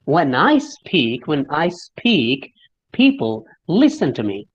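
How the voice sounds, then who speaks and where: Over dull audio, a Malayali-accented speaking coach from Kerala, India, talks slowly in a fairly high voice whose pitch swoops wildly. He offers a friendly online pronunciation lesson, explaining and demonstrating, often spelling words out letter by letter.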